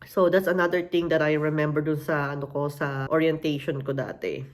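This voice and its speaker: A woman's voice: sits low, moderate pace. A Filipino woman with a Filipino accent, telling her story in a casual, conversational way and slipping English phrases into her talk. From Philippines. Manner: conversational, mixes in English phrases, acts out other people's voices. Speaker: interviewee sharing her immigrant story.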